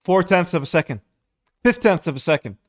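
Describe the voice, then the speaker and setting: A young man with a high-sitting voice talks briskly during a live stream, giving casual, excitable commentary on a motor race and saying "bro" constantly.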